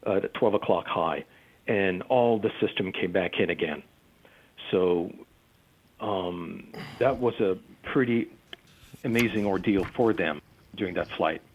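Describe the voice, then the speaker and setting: A man working as a UFO field investigator, recounting a case in an interview, halting with many fillers and restarts, and losing his voice. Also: low-pitched. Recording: tinny phone-line call-in.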